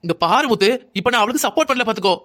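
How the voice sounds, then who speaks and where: Woman as an older mother-in-law in a cartoon: rapid, pleading and lamenting, doting on her wayward daughter. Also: on the high side, animated, a bit bright. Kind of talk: cartoon drama voice acting.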